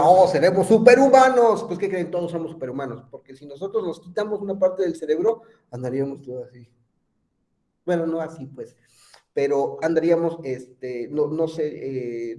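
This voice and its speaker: A man's voice: mid-range voice, warm tone. A man giving an online psychology lecture, chatty, quizzing his students and using lots of fillers. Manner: conversational, asks students questions, many fillers.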